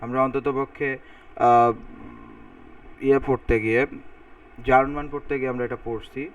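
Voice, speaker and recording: A man's voice: medium pitch, level tone, moderate pace, lo-fi sound. A man teaches a chemistry lesson, writing as he talks and saying word endings over so they stick. His voice sits in the middle of the usual range. He is a little way off from the mic. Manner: talks while writing on a board, thinking aloud, repeating sounds to drill pronunciation. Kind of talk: recorded lecture explaining formulas. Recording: voice a bit far from the mic.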